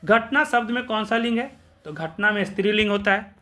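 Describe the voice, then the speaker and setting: A man's voice: sits high, brisk, bright, forceful tone. A man teaching exam questions, asking and answering his own questions and repeating key points.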